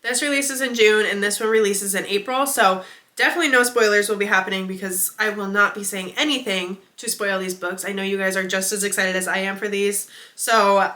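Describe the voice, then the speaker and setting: A young woman chatting casually to her viewers about books, excitable and gushing, her voice a little worn from being sick. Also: medium pitch, a little fast. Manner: gushing, excitable, lots of "like" and "literally". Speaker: book vlogger.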